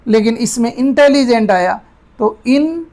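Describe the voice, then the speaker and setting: A man teaching an English grammar lesson, patiently dictating words slowly and checking that his students follow. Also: extremely high pitch, darkish tone. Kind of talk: Hindi-medium grammar lesson.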